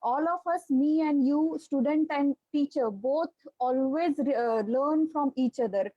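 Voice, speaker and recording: A woman with an Indian accent teaching yoga online in a measured, instructive way. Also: sits high, no echo, highs cut off. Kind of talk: online lecture and guided breathing relaxation.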